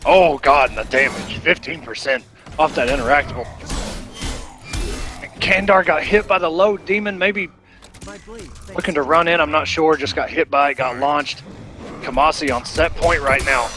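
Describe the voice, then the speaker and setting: A man's voice: fairly high pitch, normal speed, pauses often, music in the background. A man doing live fighting game commentary in a casual, enthusiastic, slangy manner. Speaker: esports commentator.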